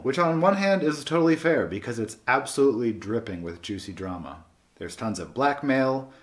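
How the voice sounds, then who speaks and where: A man hosting a book channel, giving a scripted monologue in a wry, sardonic way. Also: medium pitch. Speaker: booktube host.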